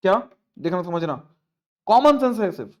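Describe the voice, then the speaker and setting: A man's voice: high-pitched, expressive, moderate pace, darkish tone. A male maths teacher explaining a lesson step by step, coaxing his students and asking them questions. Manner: coaxing, asks students questions, repeats points.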